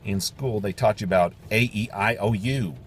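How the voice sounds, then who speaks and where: A man's voice: on the low side, normal speed. Sarcastic ranting man, outdoor traffic noise. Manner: sarcastic, mocking, repeats words in singsong. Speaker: political commentator. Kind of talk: ranting monologue.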